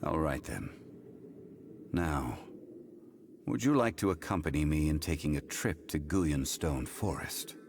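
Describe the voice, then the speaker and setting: Zhongli, a deep, solemn ancient god. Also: male voice, lively intonation, full character voice. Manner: measured, formal and unhurried. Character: ancient god in human form, calm, dignified, scholarly man. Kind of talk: game cutscene voice acting. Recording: game music under the voice.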